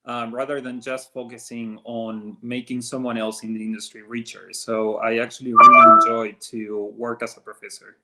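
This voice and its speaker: A man's voice: medium pitch, flat delivery, moderate pace, few pauses, loud music behind the voice. A man from Argentina, a professor guest speaking in an upbeat, friendly way with some ums. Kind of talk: conversational interview.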